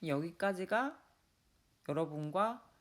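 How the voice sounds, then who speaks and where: A woman's voice: lowish voice, animated, takes it slowly. A woman professor giving a university lecture, asking her students questions directly.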